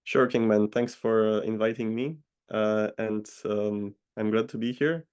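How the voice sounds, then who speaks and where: A man from Poland, answering interview questions in a measured, hesitant way over a video call. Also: on the low side, fairly even intonation, a little mellow, clear, resonant tone, highs cut off. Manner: measured, hesitant with many pauses. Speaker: guest consultant.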